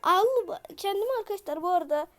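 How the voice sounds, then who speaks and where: A woman with a voice off from illness, giving excitable live gameplay commentary, chatting in slang and yelling at opponents. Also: very high voice, quick pace. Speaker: gaming video creator.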